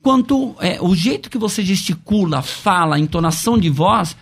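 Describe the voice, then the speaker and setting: A bishop with a Brazilian accent argues in a debate with a high, bright-pitched voice. He drives his point home with emphatic, sermon-style repetition. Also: expressive, moderate pace, husky. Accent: Brazilian Portuguese. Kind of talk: debate on worship.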